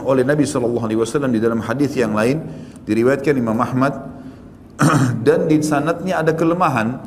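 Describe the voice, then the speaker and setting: A man, an Islamic preacher, giving a conversational religious study lecture with everyday examples and Arabic phrases, his pitch jumping up for emphasis. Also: slight background noise. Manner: rises sharply in pitch for emphasis. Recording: reverberant hall with faint ambience.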